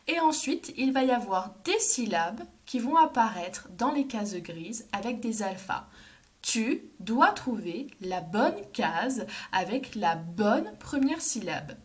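A woman teacher, giving a phonics lesson to young children and stretching out each syllable, with loud stressed words. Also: mid-range voice.

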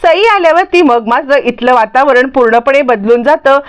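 A woman narrating a retelling of a TV serial episode, lively and quoting characters. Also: sits high, normal speed.

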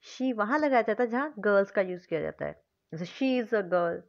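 A woman teaching English grammar with an Indian accent, explaining slowly in English and then repeating quickly in Hindi with questions to the class. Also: mid-range voice, expressive, gravelly, no echo. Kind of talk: bilingual classroom lesson, mixing Hindi and English. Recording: dull, dry lo-fi recording.

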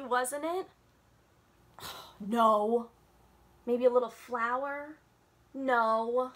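In her bookshelf-lined home room, a woman in her thirties who works as a children's librarian reads a storybook expressively to her webcam. Her voice is fairly high and fairly bright, picked up by the webcam at desk distance.

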